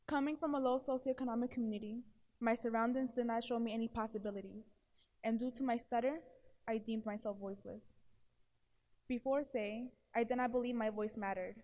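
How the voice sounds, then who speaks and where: A woman in her early twenties presents an award with an earnest, prepared testimonial to an audience. She has a stutter marked by blocks and repeated syllables, and her voice is a little high, steady, a little fast and a little mellow. The audio quality is poor.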